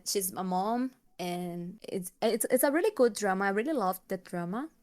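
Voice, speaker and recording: Her mid-range voice is expressive and a little mellow, moving at a moderate pace. She's a young Brazilian woman and K-pop cover singer, a Portuguese native speaker with a Brazilian Portuguese accent, chatting casually as an interview guest while often restarting and searching for words.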